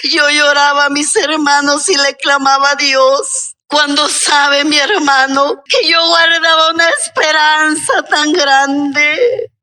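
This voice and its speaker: A woman's voice: high voice, steady tone, slow pace, pushed and bright. A woman giving an emotional church testimony, crying as she speaks and calling out to her brethren. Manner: tearful, crying out, addressing brethren.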